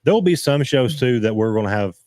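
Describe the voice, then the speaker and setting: A man hosting a casual live-stream chat, rambling and halting as he restarts his sentences. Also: medium pitch, lively intonation, darkish tone, dry recording, clean studio sound. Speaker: host.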